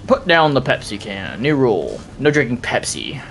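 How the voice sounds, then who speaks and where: A man playing a video game with friends, joking around and reacting loudly to what happens on screen. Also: medium pitch, wildly swooping pitch, normal speed, gravelly, a little hiss or hum. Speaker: co-op player. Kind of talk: casual gameplay banter. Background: game music.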